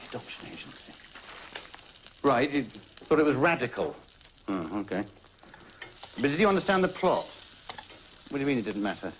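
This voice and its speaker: A man with a sarcastic, exasperated way of talking, his pitch jumping all over the place. There is noticeable noise behind his voice. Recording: noisy background.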